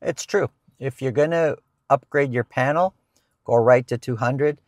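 A man's voice: mid-range voice, a little slow, no room sound, clean studio sound. A middle-aged man, a real estate agent, answering viewer questions in casual chat from a parked car, explaining with frequent restarts and repeated words. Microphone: lapel mic.

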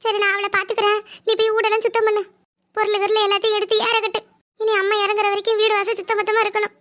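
A woman voicing a fussing, caring older village mother-in-law in a cartoon, speaking with a southern Tamil Nadu accent and giving orders fast. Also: extremely high pitch, level tone, fairly bright tone. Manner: bossy, fast, scolding yet tender. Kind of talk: cartoon voice acting.

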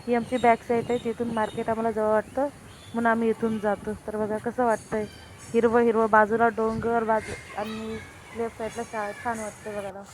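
A woman's voice: on the high side, flat delivery, brisk, darkish tone, slight background noise, poor audio. A woman chatting casually on her family vlog as she walks home and then talks with her young daughter at home. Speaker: vlogger and mother. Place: outdoors on a village path, then at home.

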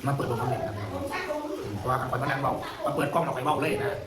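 A man's voice: mid-range voice, very fast, distant mic. A man with an Isan Thai accent who hosts a channel, chatting casually and laughing as he reads viewer comments aloud. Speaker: channel host reading comments. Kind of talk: casual chat. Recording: echoey room with loud background noise.

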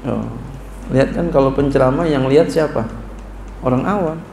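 Male preacher, gravelly tone, echoey room with a faint hum, colloquial lecturing style. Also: mid-range voice. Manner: reads Arabic slowly then explains in colloquial speech, rising to animated scolding. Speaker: kyai teaching a classical text. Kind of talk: sermon-style kitab lesson.

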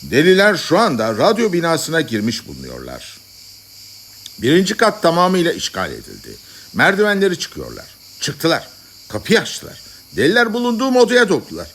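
A man's voice: wildly swooping pitch, normal speed, a bit bright, slight background noise, heavily acted. A man playing a panicking radio announcer. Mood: alarmed. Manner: announcing urgently, voice climbing higher. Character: panicking male radio announcer, frantic, rising to hysteria.

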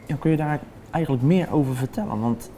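A man's voice: on the high side, quick pace, dark tone, slight background noise. A young man asking a restaurant owner short interview questions, recorded on a lapel mic in a restaurant dining room. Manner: brief prompting questions.

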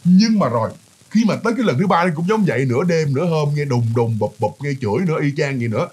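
A chatty man with a Southern Vietnamese accent tells a ghost story, talking to his listeners and looping back over words. His voice is slightly husky, on the high side, and swings lively as he rushes along. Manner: chatty, addresses listeners, many fillers and repeats. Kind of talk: casual ghost-story narration.

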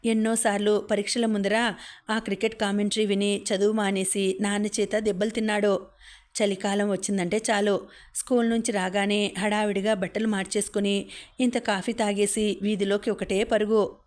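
A woman reading a story aloud as an audiobook narrator, in a steady, even storytelling manner. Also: medium pitch, normal speed. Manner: even, steady reading, voicing characters' lines within the story.

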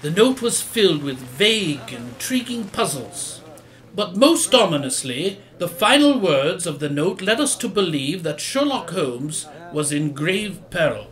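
An actor playing an earnest, courteous Victorian gentleman doctor in a formal period audio drama. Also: on the high side, sing-song, unhurried. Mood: earnest, grave.

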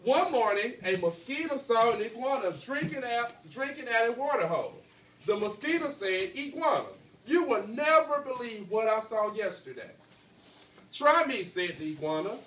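In a school classroom, a male teacher reads to his pupils in a very high, very animated voice with a fairly bright tone, keeping a moderate pace and asking questions as he goes. He checks understanding frequently, adding "okay" to his phrases. The clip was captured on a phone across the room, leaving it echoey, far off and a bit noisy.

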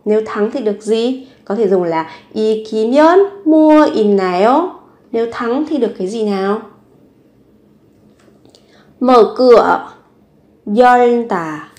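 A woman teaching Korean vocabulary, repeating each word slowly and carefully. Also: a little high, expressive, darkish tone. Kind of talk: vocabulary lesson with repeated example phrases.

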